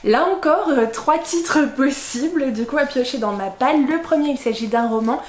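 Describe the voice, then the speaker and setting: Book vlogger, woman, fairly high voice, rambling and chatty, roomy echo. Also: moderate pace, a little mellow. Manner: chatty, rambling with many fillers and self-corrections. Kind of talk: casual chat presenting a reading list.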